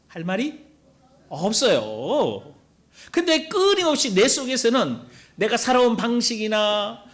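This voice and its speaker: A pastor in his middle years delivers a sermon in a chatty back-and-forth way, tossing questions to his listeners and playing out grumbles in little voices. His voice sits high for a man and swings widely up and down. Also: a bit bright. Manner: conversational preaching, asks the congregation questions and acts out quoted complaints.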